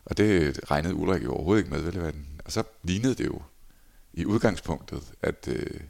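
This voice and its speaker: Very deep, gravelly-voiced man telling stories. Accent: Danish. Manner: animated anecdotes, acts out shouted quotes. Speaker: former handball goalkeeper, guest. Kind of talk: casual interview storytelling.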